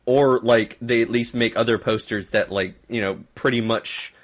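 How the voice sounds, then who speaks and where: A man co-hosts a casual movie chat in a mid-pitched, ordinary voice. He rambles and hedges his opinions, and he laughs a lot. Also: fairly even intonation, moderate pace. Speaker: podcast co-host.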